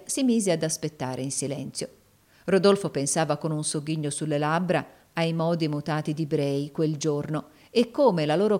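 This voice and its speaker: A woman reading a classic novel aloud in measured narration. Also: low voice, dark tone. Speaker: audiobook narrator.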